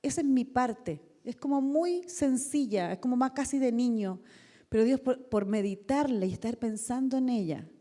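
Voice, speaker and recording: A woman's voice: a little high, dark tone. A middle-aged woman preaching a sermon in a conversational way, asking many rhetorical questions and acting out little quotes. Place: church hall. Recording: long reverb of a large hall.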